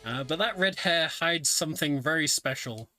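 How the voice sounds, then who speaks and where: With an animated, sharp-toned voice on the high side, a man provides wry, chatty live commentary on his own speedrun at a moderate pace, relating the game's story as he plays. He's at his home setup for a streamed online event, and game music runs in the background.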